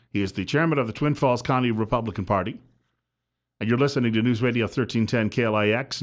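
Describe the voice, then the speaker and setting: A man hosting live talk radio with a smooth radio host delivery, running through breaks, station plugs and caller introductions. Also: medium pitch, muffled recording.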